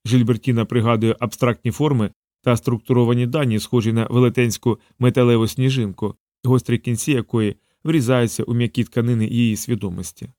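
Man narrating an audiobook, steady even read, middle pitch, dead dry mic. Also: a little fast, dry recording. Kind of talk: scripted narration.

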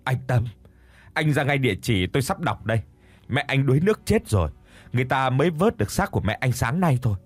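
A man's voice: medium pitch, lively intonation, fast talker, no room sound, faint music behind, close to an everyday voice. A man voicing a grieving adopted son, tearful and pleading, in a narrated ghost story. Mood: urgent. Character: grieving adopted son, middle-aged husband.

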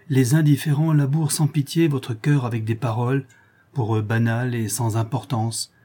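Guy reading a novel aloud, steady and measured, mellow husky voice. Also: medium pitch. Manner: measured, even literary reading. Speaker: audiobook narrator. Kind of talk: audiobook narration of a novel.

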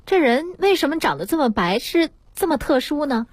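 A woman's voice: high-pitched, sing-song, brisk, no echo. A woman radio co-host asking short prompting questions of a guest doctor. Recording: dry radio studio.

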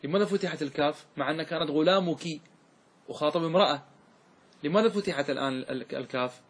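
A man teaching Arabic grammar in a classroom lecture. He keeps asking his students questions, repeats key words and draws out example words slowly. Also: a little high, breathy edge.

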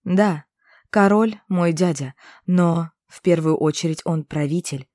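A woman voicing a calm young male inquisitor who explains things patiently and teases gently. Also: on the low side, a little slow, no room sound, clean studio sound, lightly acted.

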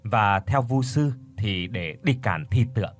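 A man voicing a calm young woman, a shaman's apprentice, patiently explaining in a spoken horror story. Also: on the low side, measured pace, faint music behind.

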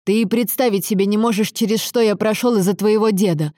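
A guilt-ridden middle-aged father, halting and breathless as he defends himself, in a woman reader's voice. The tone stays mellow and warm. Dry, close audiobook recording. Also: high voice, steady tone, no echo, pitched above the performer's own voice, natural voice. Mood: pleading.

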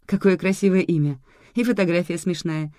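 A reader lightly acts the part of a polite, helpful young woman who works at an airport, pitching slightly above their natural voice. The delivery is brisk and steady in a mid-range, darkish tone, recorded dry at studio quality.

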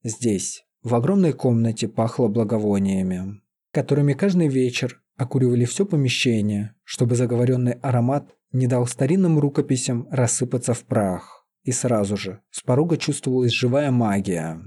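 A man calmly reading a fantasy story aloud as an audiobook narrator. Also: medium pitch, normal speed, slightly rough. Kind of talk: scripted narration.

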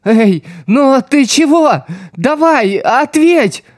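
A man reading an audiobook voices a desperate, loyal teenage street boy who shouts and pleads in a raised voice. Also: on the high side, very animated, slow, dry recording, studio quality. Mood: desperate, pleading.

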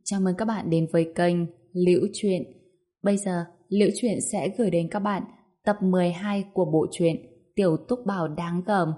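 A woman reading a serialized story aloud as its storyteller. Her delivery is measured and even, with a low-set voice. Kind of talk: scripted story narration.

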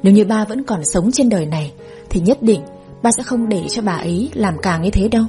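A woman voicing a gentle, hard-working father who soothes and reassures his daughter. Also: mid-range voice, lively intonation, a little fast, soft background music, lightly acted. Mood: soothing.

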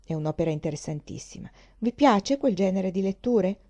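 Woman reading as a calm, gently chiding young lady. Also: medium pitch, fairly quick.

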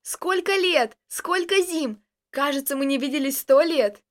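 A woman voicing a bubbly, sharp-tongued young actress who talks in loud exclamations, in a story reading. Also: sits high, moderate pace, lightly acted. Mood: excited.

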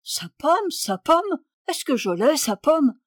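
A woman's voice: fairly high pitch, expressive, normal speed, no echo, studio quality, lightly acted. A woman voicing a fussy, imperious aristocratic aunt in a read-aloud novel, exclaiming and scolding. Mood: indignant.

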